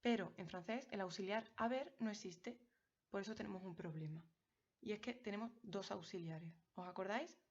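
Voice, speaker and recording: A woman walks her students through a grammar lesson, clear and patient, often checking they follow. Her voice sits at a middle pitch. The recording sounds a little dull and lo-fi. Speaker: French teacher. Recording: slightly dull lo-fi audio.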